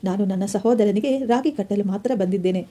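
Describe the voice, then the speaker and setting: A gentle young heroine in a storybook, earnest and soft-spoken, as a woman narrator reads her lines. The voice is very dark and mellow. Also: medium pitch, a little fast, close to an everyday voice.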